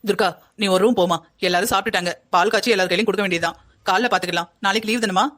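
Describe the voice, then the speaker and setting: A woman voicing a gentle, easygoing middle-aged mother-in-law in a cartoon family story. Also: mid-range voice, fairly even intonation, racing, close to an everyday voice. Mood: reassuring. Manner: gentle, reassuring.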